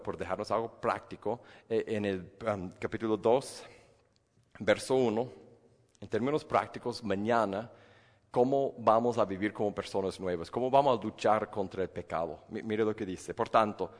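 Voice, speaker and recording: A man's voice: lowish voice, long reverb tail. A male pastor preaching a sermon with earnest feeling. He often stumbles and repeats words, and acts out the inner dialogue of a believer.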